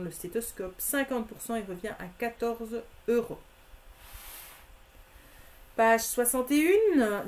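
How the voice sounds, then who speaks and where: Speaking at a fairly high pitch, a woman runs a live stream showcasing craft products. She goes through discounts and prices methodically and chats familiarly with her viewers.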